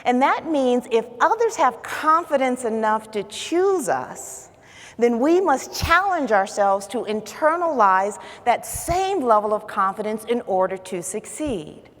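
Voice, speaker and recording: A woman giving a conference keynote, telling a personal story with dramatic swings from hushed to emphatic. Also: fairly high pitch, big pitch swings, measured pace. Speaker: keynote speaker. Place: large conference hall. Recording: hall reverb.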